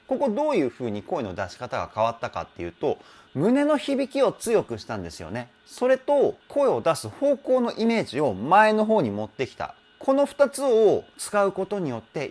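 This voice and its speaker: Here a man with a fairly high, darkish voice casually analyses a singer's technique as a vocal trainer. He's chatty and pokes fun at himself, laughing a lot and humming bits of the melody to imitate the phrases.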